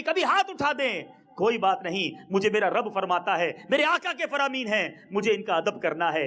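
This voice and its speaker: A man preaching a sermon in an emphatic, exhorting way, his pitch swinging up and down. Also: pushed and bright.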